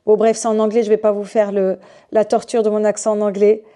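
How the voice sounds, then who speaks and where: A young woman vlogging spontaneously at home, chatty and excited as she talks to her viewers. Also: medium pitch, brisk. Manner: chatty, excited, addresses viewers as "les gars". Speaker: online business vlogger. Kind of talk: spontaneous unboxing vlog. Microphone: desk microphone.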